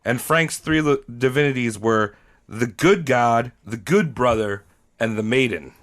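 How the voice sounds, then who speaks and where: A man co-hosting a casual comedy podcast, telling a history story in an animated way between jokes. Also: medium pitch, measured pace. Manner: animated storyteller, breaks into laughs.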